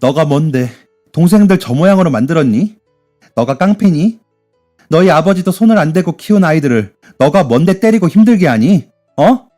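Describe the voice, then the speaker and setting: A man's voice: fairly high pitch, animated, normal speed, mellow, faint music behind, voice pushed up, close to an everyday voice. A man voicing a furious mother in her forties who scolds her son at a scream.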